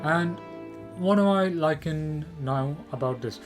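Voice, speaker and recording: Emphatic higher-voiced man over clear music. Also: takes it slowly. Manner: emphatic and repetitive, with rhetorical questions. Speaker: video game commentator. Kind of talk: opinion commentary on a game preview.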